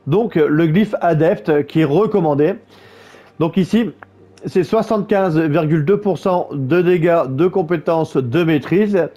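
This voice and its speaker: Male gaming YouTuber, casual guide voice-over, lots of fillers, mellow tone, muffled lo-fi sound. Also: on the high side. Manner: halting, many fillers and restarts.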